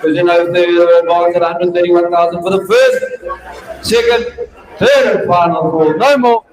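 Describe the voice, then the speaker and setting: A man's voice: high voice, fairly even intonation, measured pace. A South African man working as an auctioneer, calling bids at a live auction in a repetitive, rhythmic patter. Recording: echoey hall, distant mic, crowd around.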